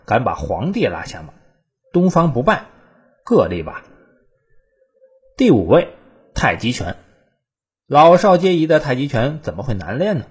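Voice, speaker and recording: Man narrating, lively swooping pitch. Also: husky. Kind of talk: scripted countdown narration.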